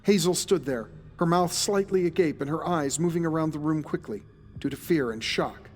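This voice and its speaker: At a moderate pace, a higher-voiced man reads scripted horror audio-drama narration, building suspense dramatically while soft music plays beneath him.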